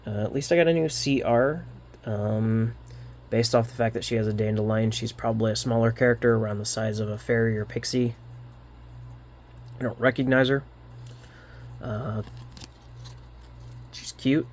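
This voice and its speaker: A man rambling through a card unboxing, halting often with fillers and restarts, a little winded. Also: medium pitch, steady tone, a little hiss or hum. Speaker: card unboxing channel host. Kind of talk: casual unboxing commentary.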